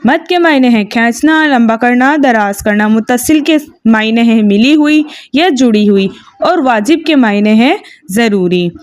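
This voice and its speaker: A woman teaching Quran recitation rules step by step in a patient, methodical way, often pausing to check that her students follow. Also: a little high, expressive. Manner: patient, methodical, repeats "okay" and checks understanding; slow drawn-out chanting when reciting verses. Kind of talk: tajweed lesson with recited examples.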